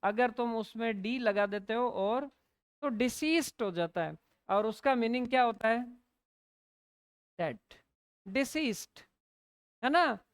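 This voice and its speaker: Lady teacher, hindi mixed in, slow and spelling stuff out, smooth voice, dry close sound. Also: a little high, animated, no echo. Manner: explains in Hindi mixed with English, slowly spells out words, asks "है ना?" often. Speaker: English teacher. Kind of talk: classroom lecture.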